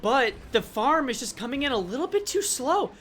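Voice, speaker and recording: An American esports caster commentating a match, playful and quick to laugh. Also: high-pitched, very animated, fairly bright tone, a little hiss or hum. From USA. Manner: joking, easily laughing, playful.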